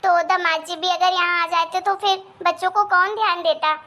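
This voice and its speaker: A woman voicing a high, bright cartoon daughter. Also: steady tone, moderate pace. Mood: cheerful. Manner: eager, reassuring. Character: cheerful, loyal young married daughter. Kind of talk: animated cartoon voice acting.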